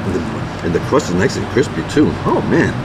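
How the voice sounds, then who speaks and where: A man's voice: fairly low pitch, sing-song, fast talker. A man reviewing gas station food while chewing, talking with his mouth full and humming between bites. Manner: casual, muttering between bites. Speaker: food vlogger. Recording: loud background noise.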